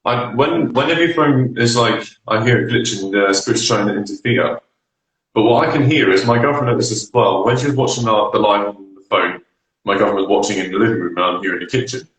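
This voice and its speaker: A man with a fairly low voice, talking loosely on a live stream and leaning on "like" again and again. His voice bounces around a roomy, echoey space. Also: a little fast, fairly bright tone. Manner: loose, repeating "like" often. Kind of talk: casual live-stream chat.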